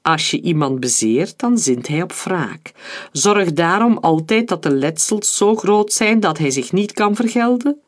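A narrator voicing a vengeful dead man who speaks slowly and solemnly from a gramophone record. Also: medium pitch, lively intonation, close to an everyday voice.

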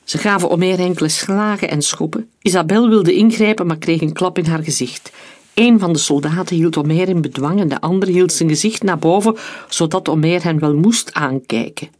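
A storyteller reading a dramatic story aloud. The voice is mid-pitched and steady. The narration is scripted and controlled. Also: normal speed, no echo.

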